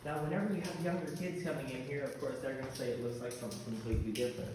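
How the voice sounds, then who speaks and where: A male cave guide speaks from deep inside a very echoey cave with long reverb and clear noise behind him. He explains what is around him step by step, in an accommodating, informal tour-commentary style. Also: steady tone, racing.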